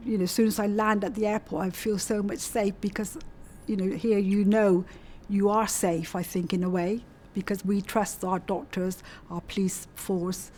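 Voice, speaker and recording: Speaking at a moderate pace, she has a medium-pitched, level, slightly mellow voice, with a little hiss or hum on the recording. In her 60s and from South West England, she reminisces casually about her life as a community storytelling interviewee, frequently repeating herself for emphasis.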